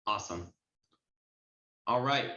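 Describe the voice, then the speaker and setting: On a group call, a notary trainer fields questions in a conversational Q&A, giving advice with emphasis in a lowish, sharp-toned voice at a slow pace. The online call audio sounds muffled and roomy.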